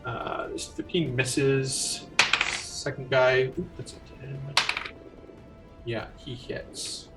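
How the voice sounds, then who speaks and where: A man's voice: mid-range voice, fairly even intonation, slow pace, recorded from a distance, over loud music. Casual man running a tabletop game. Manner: casual, rambling narration with fillers. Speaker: game master.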